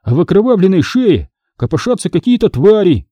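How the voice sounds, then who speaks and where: A clowning teenage boy whines and jokes around in a playful way, as a male narrator puts him on. The voice is raised high and very lively in pitch. It has a dark, husky tone and a dry, close sound. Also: fairly quick, no room sound. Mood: eerie. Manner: whining, playful. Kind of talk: audiobook character voice.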